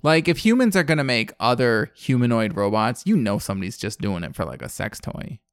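A man's voice: mid-range voice, animated, brisk, clean tone, no room sound. A man in his thirties hosting a podcast, recapping a film in casual chat, blunt and sarcastic, with plenty of fillers. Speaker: podcast host.

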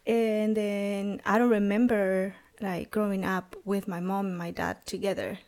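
Speaking in a flat, darkish, mid-range voice, a Salvadoran woman in her thirties recounts her personal testimony as a podcast guest. Her delivery is halting, with many pauses and restarts, and she has a Salvadoran Spanish accent.

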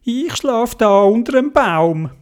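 A woman voicing a sleepy, complaining female cat with a high meowing voice and a Swiss German accent. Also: animated, unhurried, a little mellow. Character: sleepy, grumpy then grateful female cat.

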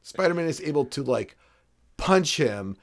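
A man co-hosting a casual comic book discussion, animated and reading dialogue aloud. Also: fairly high pitch, a little slow. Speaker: podcast co-host.

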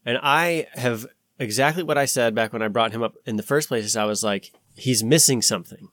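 A man's voice: mid-range voice, a little fast, a bit bright, dry recording. A man talking casually as a podcast host, rambling and swearing, with an insistent, conspiratorial warning tone as he acts out imagined exchanges.

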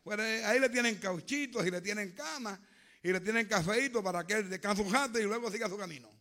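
A man preaching a fervent sermon, swinging from hushed to loud. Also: high voice, a little fast.

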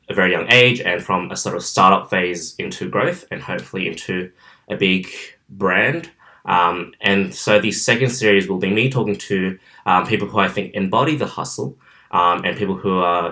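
Filmed on camera in his bedroom, a roughly twenty-one-year-old podcast host from southwestern Sydney talks solo in a casual, outgoing way, leaning on lots of fillers. His Australian-accented voice is low, bright and forceful.

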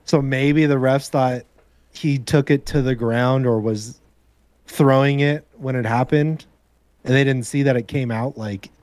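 A man co-hosting a podcast, chatting casually about a football game in a relaxed, hedging way with some swearing. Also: mid-range voice, measured pace, no echo. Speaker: podcast co-host. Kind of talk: casual sports chat.

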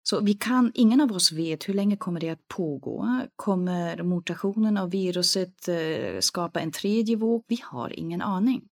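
A woman's voice: on the low side, animated, hardly any pauses, a little mellow. A woman from East Germany, a guest expert in a podcast conversation, who talks with animation and acts out inner voices as she explains.

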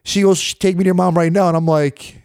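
A man in his thirties from the United States, appearing as a podcast guest, tells stories animatedly in slangy, filler-heavy casual chat. His voice is high, fast and smooth, recorded in clean studio sound with no echo.

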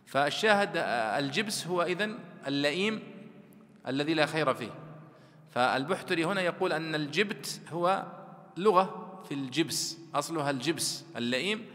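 Bright-voiced male teacher in a reverberant hall. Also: on the high side, expressive, fairly quick. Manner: explanatory, reciting classical poetry and verses. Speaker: Quran commentary teacher. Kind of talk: classroom lecture.

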